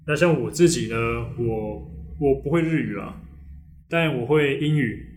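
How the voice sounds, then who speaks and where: Casting: male podcast host, Taiwanese Mandarin accent, halting storyteller who restarts often, casual tone. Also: mid-range voice, lively intonation, a little mellow. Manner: hesitant storyteller, many restarts and fillers.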